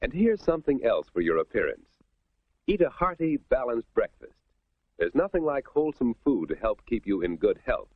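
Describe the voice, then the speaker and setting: An American man narrates like a 1950s educational film, folksy and instructive. His slightly husky voice swings through lively intonation. It comes off a thin, band-limited old film soundtrack. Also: mid-range voice, normal speed, dry recording, phone-quality sound.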